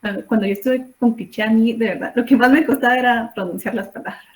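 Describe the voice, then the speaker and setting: A woman's voice: fairly high pitch, quick pace, rough recording. A woman, a student interviewer, asking questions politely and in an orderly way.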